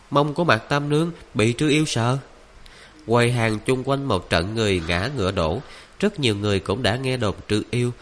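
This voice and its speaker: Male audiobook narrator, lowish voice, steady even read, faint background noise. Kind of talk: scripted novel narration.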